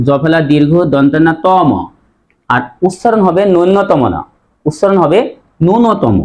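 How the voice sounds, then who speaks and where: A man teaching a pronunciation lesson, repeating each word slowly and putting questions to his students. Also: on the high side, a little mellow.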